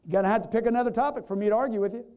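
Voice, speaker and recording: High-voiced, energetic male sales trainer. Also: racing, a little hiss or hum. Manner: energetic, repetitive, keeps quizzing the crowd; acts out customers in quoted voices. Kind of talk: live seminar talk to an audience. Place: seminar room with a live audience.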